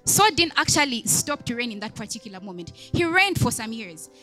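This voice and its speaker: Woman, deaconess, conversational sermon, bright and lively tone, chatty asides, questions to the congregation. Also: a little high, a little fast, faint music behind. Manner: chatty, many "like" and "right?" asides. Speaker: deaconess preaching.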